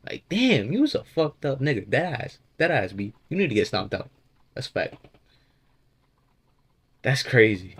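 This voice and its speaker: A man's voice: mid-range voice, wildly swooping pitch, a little slow, long pauses, a bit bright, slightly rough. A man reacting to a clip with blunt, profane, incredulous commentary. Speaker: reaction video host.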